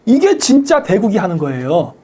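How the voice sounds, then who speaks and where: A woman hosting a live stream, giving sharp political commentary, sarcastic and combative, firing rhetorical questions and thanking viewers by name. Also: medium pitch, sing-song, normal speed, slightly rough. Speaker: livestream host thanking viewers for donations.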